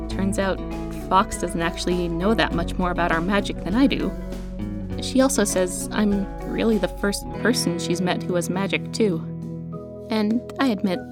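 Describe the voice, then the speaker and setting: A woman's voice: fairly low pitch, close to an everyday voice. An actress playing an awkward, earnest young woman with magic, rambling and hesitant as she records herself in an audio drama. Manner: rambling, hesitant, stammering when flustered.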